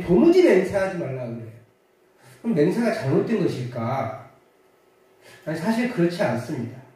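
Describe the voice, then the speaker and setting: A man's voice: high voice, warm tone. A male pastor preaching a sermon, telling a story with frequent hesitations. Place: church sanctuary. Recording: echoey church hall, mic at a distance.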